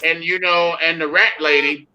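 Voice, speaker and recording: A man's voice: a little high, steady tone, normal speed, sharp tone, clean tone. A man co-hosting a casual film discussion, telling stories with emphatic enthusiasm. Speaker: co-host. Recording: muffled lo-fi audio.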